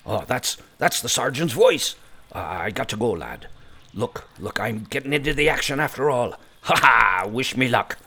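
A man's voice: lowish voice, big pitch swings, measured pace, a bit bright, breathy edge, full character voice. A man voicing a hapless but eager dwarf soldier, rambling and folksy, reporting in a fantasy radio dispatch. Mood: excited.

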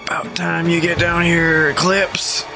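Guy doing a werewolf voice, gruff n impatient, tabletop game thing, music behind it. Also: fairly high pitch, level tone, unhurried, voice pushed up. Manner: putting on an experimental werewolf voice. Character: werewolf adventurer in wolf form, gruff and impatient.

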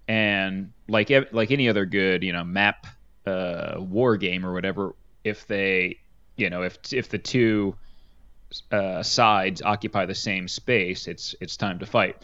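A man's voice: fairly low pitch, a bit bright. A man chatting casually as a board game podcast co-host, explaining rules with plenty of fillers. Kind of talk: casual chat. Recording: dull lo-fi sound.

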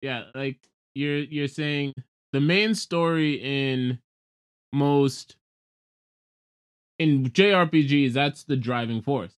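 A man's voice: medium pitch, slow pace, long pauses, clean tone. A man co-hosting a podcast in natural, unscripted casual talk, with loose, informal phrasing. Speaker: podcast co-host.

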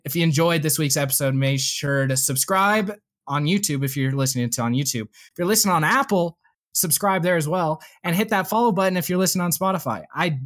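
A man's voice: on the high side, a bit bright. A young man with a slight lisp hosting a casual gaming podcast, chatting loosely with lots of fillers. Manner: laid-back, filler-heavy, laughs often. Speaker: podcast host.

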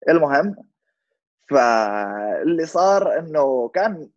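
Guy in his 20s, levantine arabic accent, talks fast and casual, bit lo-fi and very dry. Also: on the high side, very animated, dry recording. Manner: informal, explanatory, checks listener understands. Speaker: interview guest, rapper. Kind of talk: casual conversational interview with English words mixed in.

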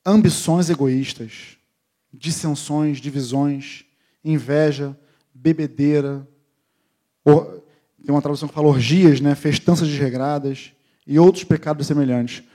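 A middle-aged man preaching a sermon, telling a family story with lively storytelling and acting out the voices of his family. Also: a little high, unhurried.

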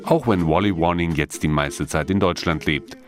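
Deep-voiced male radio narrator. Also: normal speed, over music. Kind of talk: scripted narration.

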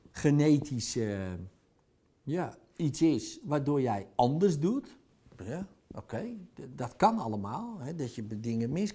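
A man with a husky, dark, medium-pitched voice delivers a casual monologue like a speaker or coach. He's blunt and provocative, talking conversationally and dropping in crude words.

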